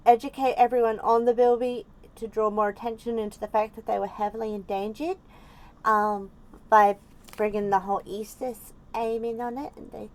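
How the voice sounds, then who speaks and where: A woman with an Australian accent and a fairly high voice talks in a cute anime-streamer manner. She sounds casual and chatty, like someone reacting live for viewers. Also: darkish tone. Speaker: VTuber streamer reacting to videos.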